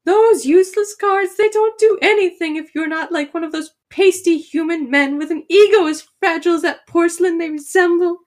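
A woman's voice: extremely high pitch, moderate pace, few pauses, pitched above the performer's own voice. A woman voicing a small, doting, grumbling old gnome grandmother in a tabletop game. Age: older. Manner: doting, folksy muttering. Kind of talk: tabletop role-play character voice.

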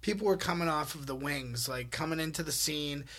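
A man with a high, bright voice tells a story in a loose, casual chat. He gets animated and laughs as he talks. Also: a little fast. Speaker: comedian.

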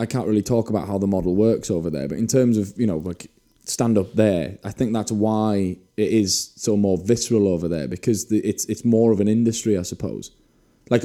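A man's voice: on the low side, dark tone. A man chatting on a podcast, rambling and repeating words, swearing casually. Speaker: podcast co-host. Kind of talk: casual chat.

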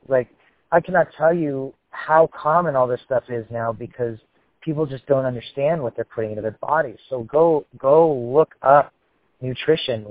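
A man's voice: medium pitch, dry recording. A man hosting a casual chat, talking bluntly and animatedly with frequent swearing. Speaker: podcast host. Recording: tinny phone-like line, dry.

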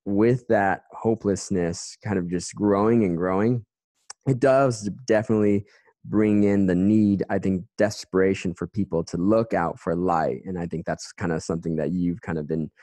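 A man hosting a casual interview, speaking haltingly with many restarts and "um"s. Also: low-pitched, steady tone, dark tone, dry recording.

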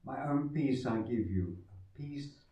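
A man, a priest, reading the Gospel and preaching in a slow, measured liturgical way, his voice carrying a cathedral echo. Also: mid-range voice, mellow. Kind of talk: Gospel reading and homily at Mass. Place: large church. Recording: echoey church, voice far from mic, muffled.

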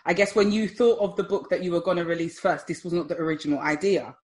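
A woman's voice: lowish voice, steady tone, fast talker, a little mellow. A woman hosting a casual podcast interview, bantering playfully with her guest. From South London. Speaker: podcast host.

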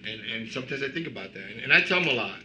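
Rambling storytelling man, very bright voice. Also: medium pitch, expressive, rapid-fire, low-quality recording. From Cuba. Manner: rambling storyteller, frequent "you know". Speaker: band member guest. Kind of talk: casual chat.

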